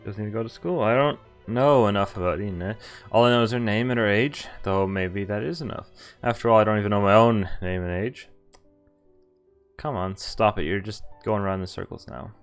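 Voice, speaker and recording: A young man with a fairly low voice streams a visual novel, reading the story text aloud at a brisk clip. He then drifts into loose, casual joking asides with some hesitation, while game music plays faintly behind him.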